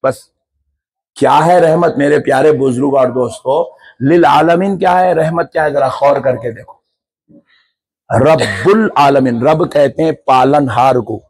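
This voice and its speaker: A man's voice: mid-range voice, measured pace, breathy edge, no room sound. A man preaching a sermon to a gathering, listing things in rhythmic repetition and building to impassioned cries. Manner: rising into impassioned shouted crying-out. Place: large gathering with live crowd.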